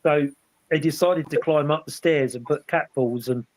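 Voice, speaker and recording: A man's voice: fairly high pitch, normal speed, dry recording, poor audio. A man on a paranormal panel, rambling through an investigation story in casual chat with many restarts and asides.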